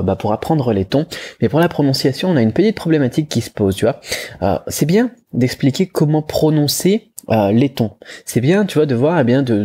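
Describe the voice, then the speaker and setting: A man's voice: mid-range voice, mellow, slightly rough. A man teaching pronunciation in a chatty video lesson, with lots of fillers and restarts, demonstrating tones by moving his head. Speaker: Chinese language teacher.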